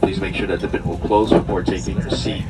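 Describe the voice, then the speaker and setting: A man giving a formal plane cabin announcement over the cabin loudspeaker. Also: low voice, level tone, normal speed. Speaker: flight crew member. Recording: distant loudspeaker over loud cabin noise.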